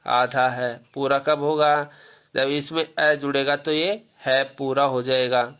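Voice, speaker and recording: Teacher, male, bright forceful delivery; poses questions and answers them, repeats points for pupils. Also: medium pitch, little pitch movement, takes it slowly, smooth. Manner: asks a question, then answers it himself; repeats key points; tells pupils to remember. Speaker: Hindi grammar teacher. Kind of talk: classroom lesson with questions to pupils.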